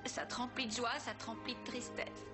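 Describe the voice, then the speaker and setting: Warm, curious young confidante acted by a woman, slightly high voice, telenovela dub over clear music. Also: level tone, brisk, natural voice. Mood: wistful. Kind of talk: French-dubbed telenovela acting. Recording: background music under dialogue.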